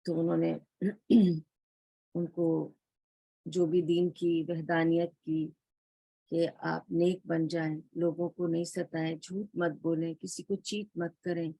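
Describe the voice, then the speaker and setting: A woman lecturer tells a religious story in a calm, explanatory way and speaks straight to her listeners. She drops English words into her speech. The recording is dry and close, with no room sound. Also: lowish voice, creaky, dry recording. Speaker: Islamic studies lecturer.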